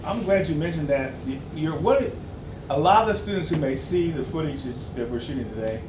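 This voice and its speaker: A man moderating a panel and asking questions, slightly halting. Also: a little high, animated. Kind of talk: panel discussion. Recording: roomy, distant, noisy.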